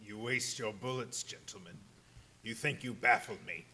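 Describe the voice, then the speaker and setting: A man's voice: lowish voice, normal speed, heavy background noise, close to an everyday voice. A man playing a menacing, gloating undead vampire count in a radio drama, taunting and grandiose. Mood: gloating scorn.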